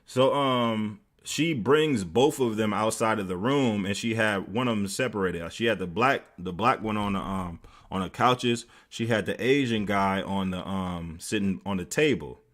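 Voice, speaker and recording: A man's voice: on the low side, normal speed, few pauses, fairly bright tone. An American man streaming, loosely retelling a story with many fillers. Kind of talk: casual storytelling.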